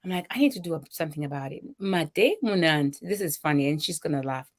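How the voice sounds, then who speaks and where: A woman's voice: deep voice, a little fast. Zambian woman telling a personal story. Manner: emotional, animated storytelling with voiced quotes. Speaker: guest, charity founder.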